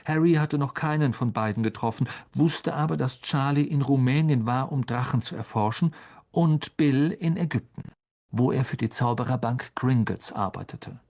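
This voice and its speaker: A man reading a storybook aloud as an expressive audiobook narrator. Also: medium pitch, normal speed. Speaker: audiobook reader. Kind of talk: scripted narration.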